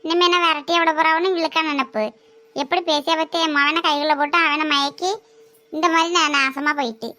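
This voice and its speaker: A woman's voice: sits high, fairly even intonation, brisk, sharp tone. A woman playing a nagging older mother-in-law who scolds and complains bitterly in a family skit. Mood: scornful. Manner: complaining, scornful rant.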